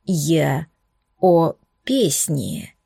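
A woman voicing a strained, brooding male coral dragon prince who speaks slowly and low. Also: big pitch swings, vocal fry, dark tone, breathy edge, no room sound, studio quality, exaggerated voice. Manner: slow, low, groaning delivery.

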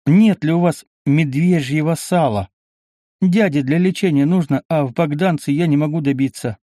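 A man's voice: a little high, normal speed, warm tone, no room sound, voice pushed up, natural voice. A reader playing a heartfelt young knight from a historical storybook, polite and earnest, his voice somewhat raised. The recording is dry and close. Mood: cheerful. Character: young knight, emotional but cheerful.

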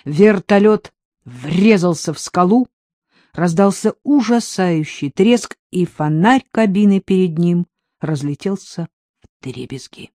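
A man narrating an audiobook in a measured, dramatic reading with swells of intensity. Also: sits high, lively intonation, a little mellow, no echo, clean studio sound.

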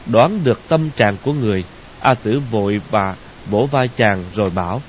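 A man narrating a novel in a slow, measured way. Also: lowish voice, lively intonation. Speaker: audiobook narrator. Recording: dull lo-fi audio with hiss.

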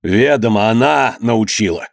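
A man reading an audiobook, voicing a wrathful, domineering old merchant who shouts and scolds in old-fashioned speech. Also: fairly low pitch, expressive, unhurried, vocal fry, no echo, clean studio sound. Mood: furious.

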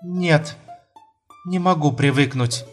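A man's voice: a little high, slow pace, faint music behind, pitched above the performer's own voice. A man voicing a distraught middle-aged mother who pleads and repeats herself. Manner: pleading, repetitive.

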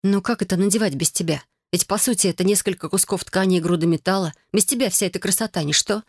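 An audiobook reader voicing a sharp-tongued young woman from a magic academy, indignant and exclamatory. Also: medium pitch, fast talker, no echo, clean studio sound, close to an everyday voice.

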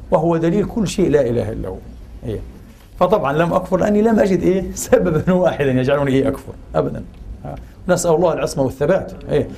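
A man giving a religious and cultural lecture, posing rhetorical questions and pausing on filler sounds. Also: fairly high pitch, creaky, mellow, slight background noise.

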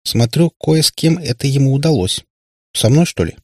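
A man with a husky voice reading an audiobook and voicing a sharp-tongued, boastful young witch girl. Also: medium pitch, animated, no room sound, clean studio sound, pitched above the performer's own voice. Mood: scoffing. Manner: teasing, boastful, quick to scoff.

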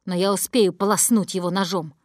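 A woman's voice: medium pitch, fairly even intonation, brisk, dry recording, studio quality, lightly acted. A woman reading an audiobook voices a young male gang leader who taunts and threatens in a cold, bitter tone. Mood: taunting.

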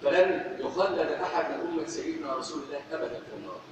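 Brief: fast-talking Egyptian man preaching fervently, slightly high voice, distant in a big reverberant hall. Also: a little hiss or hum. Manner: fervent, repeating phrases for emphasis. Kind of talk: sermon. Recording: echoey hall, distant, dull.

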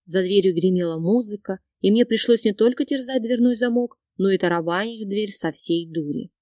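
A woman reading a first-person audiobook with steady, expressive narration. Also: medium pitch, a little fast, no echo, clean studio sound.

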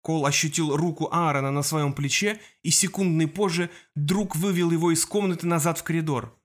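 Man narrating an audiobook, fairly high voice. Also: a little fast. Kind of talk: scripted narration.

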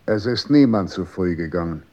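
An actor playing a cold, condescending official in a 1960s radio drama, calm and authoritative. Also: male voice, deep voice, normal speed.

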